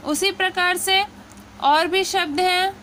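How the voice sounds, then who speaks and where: Slow, bright-voiced woman teaching Hindi. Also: extremely high pitch, fairly even intonation, slight background noise. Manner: patient, drawn-out syllable drills with frequent "theek hai". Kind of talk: slow spoken lesson.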